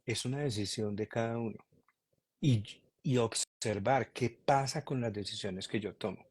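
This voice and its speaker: Husky-voiced guy, earnest and calm, trails off and restarts a lot. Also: medium pitch, normal speed. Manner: calm, earnest, repeats himself while searching for words. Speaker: guest. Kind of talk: reflective conversation.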